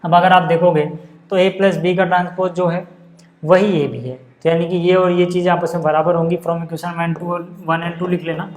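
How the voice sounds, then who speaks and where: Male maths teacher, high voice, roomy echo, casual chatty explaining. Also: little pitch movement, normal speed. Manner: chatty, keeps checking in with the class. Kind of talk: casual classroom lesson.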